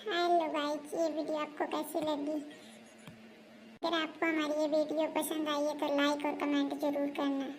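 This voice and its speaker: A woman's voice: sits high, little pitch movement, moderate pace, a little hiss or hum. A woman hosting her own skit channel, addressing viewers directly.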